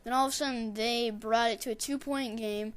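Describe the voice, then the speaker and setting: A woman casually narrating her gameplay in a rambling, digressive way, and getting excitable when she tells a story. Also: on the high side, brisk. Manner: excitable, shouts catchphrases when retelling. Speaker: gameplay commentator.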